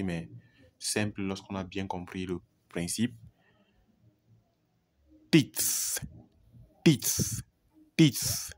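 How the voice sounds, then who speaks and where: A man teaching English pronunciation who repeats each example word deliberately and addresses the viewer informally. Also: sits low. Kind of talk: pronunciation lesson.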